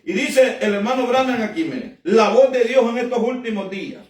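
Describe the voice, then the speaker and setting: A man's voice: very high voice, moderate pace, a little mellow. A man preaching a sermon in a fervent, emphatic way, often calling out to his listeners. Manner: emphatic, fervent preaching with frequent "amén" and "hermano". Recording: echoey room from far off.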